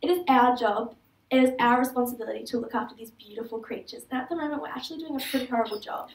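Speaking quickly in a slightly high voice, an earnest Australian teenage student delivers a prepared stage talk with a few small slips. She's in a large auditorium, picked up from a distance with roomy, echoing hall sound.

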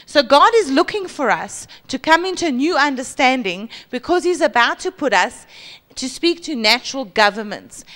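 A woman in her forties with a South African accent, preaching a sermon on a church stage into a handheld mic and mimicking boastful people. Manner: lively, acts out boastful voices with high pitch jumps. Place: large church hall stage.

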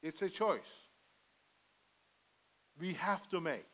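A man's voice: high voice, lively intonation, takes it slowly, fairly bright tone, low-quality recording. A middle-aged man preaching a sermon from a church pulpit, earnest and pleading, on a headset mic. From Armenian heritage. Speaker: pastor. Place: church sanctuary, indoors, medium size.

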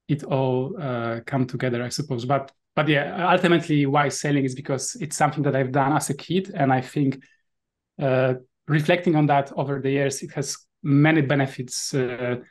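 On a video call, a Polish man in his thirties who develops a VR sailing app gives casual interview answers in a Polish accent. His mid-range voice holds steady at a normal speed as he explains thoughtfully, with many fillers and restarts.

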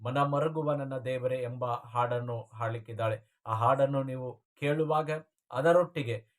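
A man's voice: mid-range voice, fairly even intonation, moderate pace. A man hosting his channel, giving a formal, preacher-like devotional address to viewers before a song. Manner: formal preacher-like cadence with repeated blessings.

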